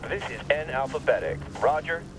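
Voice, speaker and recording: A man's voice: medium pitch, very animated, moderate pace. An actor playing a male radio operator, heard over a two-way radio, answering in clipped radio procedure. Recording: noisy radio transmission.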